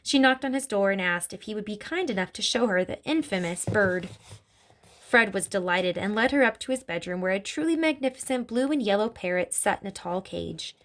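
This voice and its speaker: Expressive woman reading a storybook. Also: medium pitch, a little fast. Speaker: narrator. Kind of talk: storybook read-aloud.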